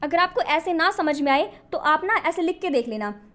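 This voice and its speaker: A woman's voice: high voice, lively intonation, normal speed, a bit bright. A woman runs a coaching lesson on grammar. She keeps asking her students questions and answering them herself, going back over each key point. She sounds like a patient, drilling teacher.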